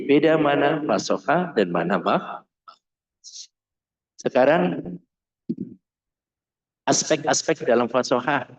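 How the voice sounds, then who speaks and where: A man's voice: medium pitch, a little mellow. Male recitation teacher, classroom lesson, chants syllable drills, roomy room, dull lo-fi sound. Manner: drills syllables in sung chants, then explains in a plain speaking voice. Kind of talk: classroom lesson on Arabic pronunciation. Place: school classroom. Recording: roomy, muffled room recording.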